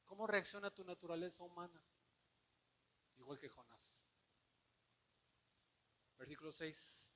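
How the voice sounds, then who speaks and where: A man preaching a sermon, asking the congregation rhetorical questions and swinging from quiet, low passages to loud declamation. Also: expressive, normal speed, long pauses. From Mexico. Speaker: pastor.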